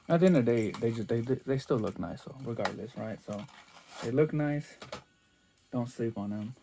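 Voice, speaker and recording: A man's voice: medium pitch, a little mellow, a little hiss or hum. A man chatting casually as he unboxes toy cars for his vlog, rambling and restarting his sentences a lot. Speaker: toy car collector vlogger.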